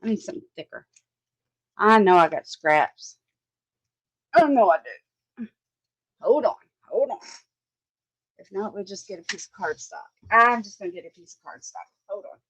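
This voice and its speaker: Woman, crafting host, chatty and rambling, mid pitch, dry close sound. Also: lively intonation, normal speed, pauses often, fairly bright tone, slightly rough, no room sound, low-quality recording. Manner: chatty, rambling, thinks aloud, laughs often, reads and answers comments. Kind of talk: casual crafting chat.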